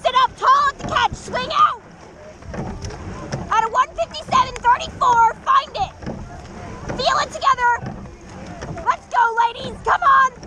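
Out on open water, a young woman coxswain in a boat shouts short, repetitive commands at a very high pitch over loud wind, water and rowing clicks. Her calls are urgent and motivational, spaced out in a drawn, measured rhythm.

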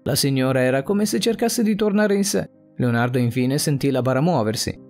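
A man narrating a suspense story in a dramatic, expressive reading. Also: mid-range voice, a little fast. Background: faint music.

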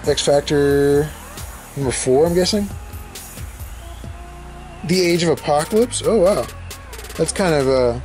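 Speaking in a slightly high, warm voice, a young man opens old comics spread on his bed and talks through it, swearing as he goes. He hosts a podcast and films the casual unboxing indoors on a handheld camera. The recording sounds rough.

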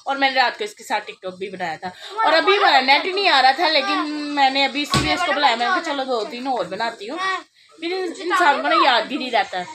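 A woman's voice: sits high, expressive, fairly quick, crowd noise. A young woman chatting casually in a home vlog, doting and often laughing, recorded on a phone camera indoors. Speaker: vlogger.

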